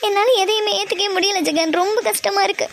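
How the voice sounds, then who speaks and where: Tearful, lonely young woman, a woman voicing her for a homemade cartoon; very high, fast, pleading. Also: steady tone, a little hiss or hum. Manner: pleading, sobbing tone. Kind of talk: amateur cartoon voice acting.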